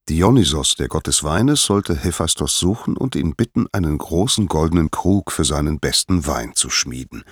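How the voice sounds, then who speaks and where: A man reading a myth aloud as a storybook narrator, with expressive, dramatic storytelling. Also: low-pitched, gravelly, slightly rough, dry recording, studio quality.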